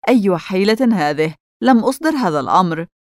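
A woman voicing a blustering, vain pirate captain with a booming, commanding way of talking in a storybook reading. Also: very animated, brisk, dry recording, clean studio sound, lightly acted.

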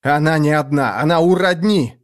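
A man voicing a desperate, cornered young man who shouts in a strained way. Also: fairly high pitch, moderate pace, voice pushed up, natural voice. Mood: furious.

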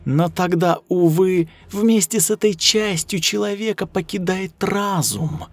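A man's voice: high voice, fairly even intonation, unhurried, dry recording, soft background music, voice pushed up. A man voicing a cruel, bored ancient female duchess monster with a drawling, sneering manner. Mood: gloating.

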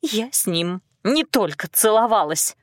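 Woman voicing a shrill, tearful captive girl. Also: sing-song, normal speed, fairly bright tone, no room sound. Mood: defiant. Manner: shrill, whining and sobbing. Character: frightened captive young woman, tearful and defiant.

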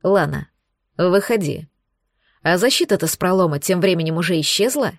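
A woman reading an audiobook, voicing a resolute male werewolf who speaks in a calm, level tone. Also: fairly low pitch, moderate pace, no room sound. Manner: level, even tone. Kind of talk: audiobook narration.

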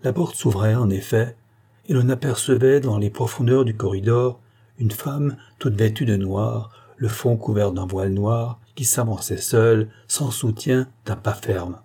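A man narrates a classic novel as an audiobook in a measured, solemn manner. His voice is low and dark, with a husky grain running through it. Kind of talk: scripted narration.

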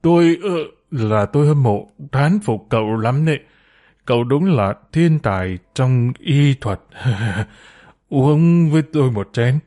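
A man's voice: medium pitch, animated, slow, mellow. A man voicing a drunk, self-pitying male doctor who slurs and blubbers, read in a storybook. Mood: drunkenly cheerful. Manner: slurred, blubbering, pleading.

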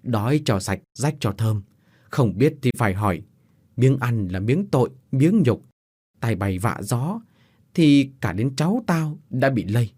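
A gruff old father's ghost speaks slowly and harshly in a dream, scolding his grown son with old sayings. A man puts him on while narrating a ghost story, with a husky voice that dips and climbs a lot. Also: medium pitch, sing-song, a little mellow. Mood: stern scolding. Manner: harsh, scolding, slow proverbs.

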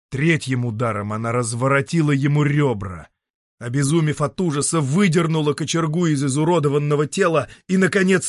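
A man narrating an audiobook in a dramatic, expressive storytelling manner. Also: mid-range voice, no echo, studio quality. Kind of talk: scripted narration.

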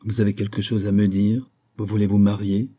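An earnest, serious young lawyer, read by a man in his own low, dark voice. He speaks with grave tenderness, as in an audiobook. The tone is husky and somewhat deep. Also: little pitch movement, fairly quick, close to an everyday voice. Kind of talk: audiobook reading.

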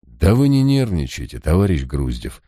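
This is a bossy, sardonic police chief in an audiobook, voiced by a male reader. He talks in curt, mocking bursts of slang, his low voice pushed a little higher. The recording is close and dry. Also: big pitch swings, normal speed, warm tone, no echo, full character voice. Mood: soft, coaxing. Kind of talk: audiobook character reading.

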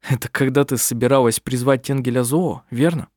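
A man's voice: medium pitch, steady tone, fairly quick, a little mellow, no echo, clean studio sound, close to an everyday voice. Earnest young sorcerer son, read by a man. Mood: fond. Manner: earnest, affectionate.

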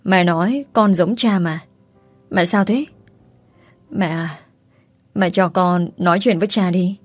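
A man's voice: sits high, takes it slowly, no room sound, faint music behind. A man voicing a tearful little boy pleading with his mother in an audiobook. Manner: sobbing, pleading. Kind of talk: audiobook character reading.

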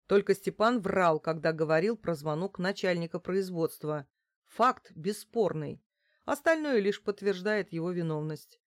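A woman's voice: lowish voice, animated, measured pace, no room sound. Brief: woman reads a grudging male investigator for an audiobook, curt, dry close sound. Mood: stubborn. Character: stubborn grumbling male investigator, middle-aged.

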